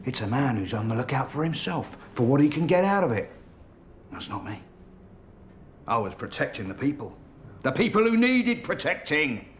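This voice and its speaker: An actor playing a contemptuous detective. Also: male voice, mid-range voice, sing-song, normal speed, slight background noise, lightly acted. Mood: heated. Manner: menacing, contemptuous interrogator. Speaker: police detective. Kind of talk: TV crime drama acting.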